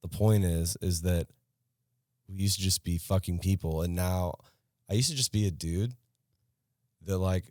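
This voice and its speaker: With a deep voice and measured pace, this co-host pauses often while delivering a blunt, curse-heavy, animated rant in casual podcast talk. The studio-quality recording is dry.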